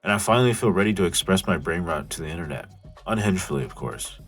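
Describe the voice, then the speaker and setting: A young man with a deep, nasal voice reads his own vlog script in a casual, self-mocking way. He now and then bursts into loud rants, with soft music playing underneath. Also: expressive, fast talker, breathy edge. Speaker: YouTube channel host.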